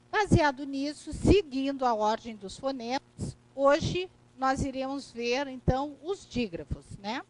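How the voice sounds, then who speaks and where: Slow, high-voiced Brazilian woman teaching. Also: darkish tone, low-quality recording. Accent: Brazilian Portuguese. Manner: explains slowly with frequent checks like "né?" and "correto?". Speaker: grammar teacher. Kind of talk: recorded online lesson.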